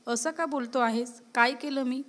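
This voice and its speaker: A woman voicing a lively young college girl who talks back playfully and gets indignant. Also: sits high, moderate pace, lightly acted.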